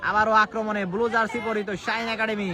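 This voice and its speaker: A man giving frantic, excited live football commentary, repeating phrases as he follows the play. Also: high voice, quick pace. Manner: frantic, repeats phrases, bursts into shouts on shots and goals. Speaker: football commentator at a village match. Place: outdoors at a football ground. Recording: crowd noise, outdoor village field. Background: crowd.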